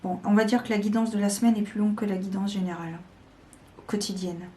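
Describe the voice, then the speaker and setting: A woman giving a slow, deliberate weekly tarot guidance, with frequent pauses and hesitations. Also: medium pitch, fairly even intonation, warm tone, a little hiss or hum. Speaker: tarot reader.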